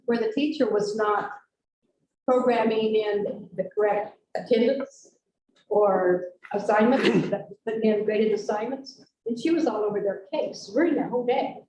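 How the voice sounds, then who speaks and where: A woman's voice: on the high side, a little slow, noisy background. A woman on a school board speaking frankly at a public meeting, with frequent restarts. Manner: frank, rambling, many restarts. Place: meeting room. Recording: echoey room mic from a distance.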